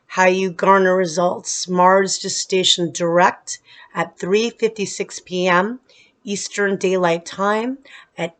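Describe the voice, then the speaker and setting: A woman astrologer talking casually to her viewers, explaining planetary events while she is losing her voice and stumbles a little now and then. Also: mid-range voice. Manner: explanatory, with some restarts and filler. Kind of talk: casual astrology talk to camera. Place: humid place.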